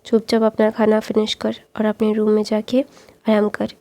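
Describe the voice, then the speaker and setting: A woman's voice: mid-range voice, completely flat delivery, normal speed, mellow, close to an everyday voice. A woman voicing an annoyed young man who curtly tells another to finish eating and rest. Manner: curt, dismissive.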